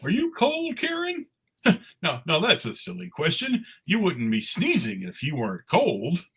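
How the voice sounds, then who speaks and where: A man's voice: a little high, wildly swooping pitch, measured pace, a bit bright, breathy edge, full character voice. A man voicing a friendly, naive living snowman with eager, childlike exclamations in a cartoon script reading. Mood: concerned, amused. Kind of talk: cartoon table read.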